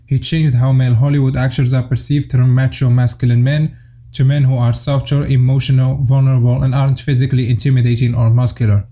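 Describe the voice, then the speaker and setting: Dark-voiced young man from Morocco. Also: medium pitch, little pitch movement, fast talker. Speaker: YouTube commentator. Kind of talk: scripted voice-over commentary.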